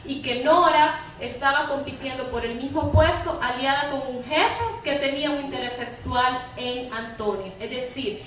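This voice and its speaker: Speaking at normal speed with hardly any pauses, this debate panelist has a high, fairly bright voice. She makes an impassioned, analytical and emphatic argument at a public debate, frequently closing on a questioning tag, recorded from a distant mic in an echoey hall with background noise.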